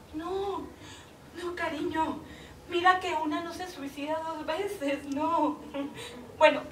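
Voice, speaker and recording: A woman's voice: high-pitched, a bit bright. A woman acting a heartbroken woman pleading with her departing lover on the phone, swinging between tender pleading and desperate outbursts. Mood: incredulous. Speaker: stage actress. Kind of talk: stage monologue acting. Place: theater stage. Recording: echoey stage from far off, audible noise.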